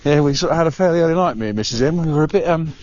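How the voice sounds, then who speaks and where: A man's voice: on the high side, animated, very fast, a little mellow. A middle-aged man, chatting casually and a little out of breath as he walks and vlogs through a waterside park, rambling with plenty of "uh"s. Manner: rambling, chatty, with frequent "uh" and restarts. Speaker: travel vlogger. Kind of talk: casual walking vlog. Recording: dull lo-fi sound with clear background noise.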